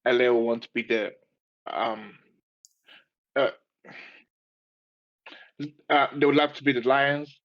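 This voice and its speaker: A man's voice: mid-range voice, steady tone, slow pace, pauses often. A man co-hosting a sports podcast, talking in an easygoing, teasing way. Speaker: podcast co-host. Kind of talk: casual sports chat. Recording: slightly dull lo-fi sound.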